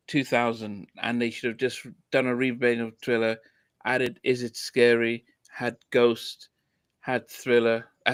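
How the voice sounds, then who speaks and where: A podcast host chats casually about an album in a music review, hesitating with many restarts and fillers. His voice is medium-pitched and smooth, with no echo.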